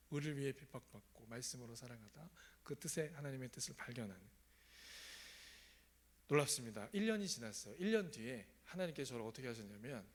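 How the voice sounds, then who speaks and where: A man preaching a sermon in a church, telling his own story and often asking the congregation questions. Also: mid-range voice. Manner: asks the congregation questions, conversational. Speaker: pastor. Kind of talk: sermon with personal testimony. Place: church sanctuary.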